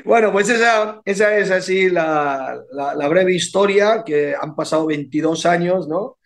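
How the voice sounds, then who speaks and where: Boxing coach, man, high voice, lively storyteller who acts out the quotes and stumbles over repeated words. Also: measured pace. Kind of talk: casual anecdote telling.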